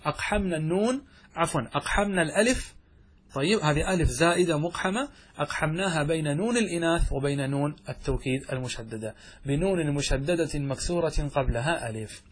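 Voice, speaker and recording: A man with a fairly high, husky voice teaches grammar in a classroom style. He poses questions to his listeners and slows down to recite lines of verse. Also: animated. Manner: asks students questions, recites verse slowly. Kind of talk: classroom lesson explaining grammar.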